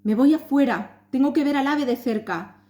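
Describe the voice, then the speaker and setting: A woman's voice: sits high, moderate pace, dark tone, voice pushed up, natural voice. A woman voicing a cheerful, unsuspecting father in a contented, musing tone.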